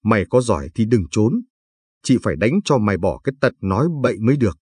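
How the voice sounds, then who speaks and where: A cross young village woman who bristles and snaps at everyone, as a man reading the tale lends her his low, breathy voice. She scolds and sulks in quick, clipped lines. The sound is dry and close. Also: lively intonation, a little mellow, no echo. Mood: angry. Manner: scolding, snappish. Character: grumpy young village woman, sharp-tongued.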